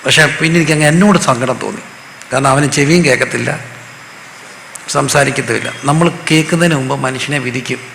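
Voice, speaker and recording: A man's voice: mid-range voice, a little fast, vocal fry, fairly bright tone. A male pastor from Kerala preaching a sermon, asking his congregation questions and having them call back the answers. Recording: echoey hall with long reverb, faint noise.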